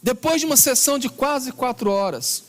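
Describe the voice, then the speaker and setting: In a very high, expressive voice, a man with a Brazilian Portuguese accent gives a spiritist lecture. He tells a story earnestly and emphatically, slowing on the key words.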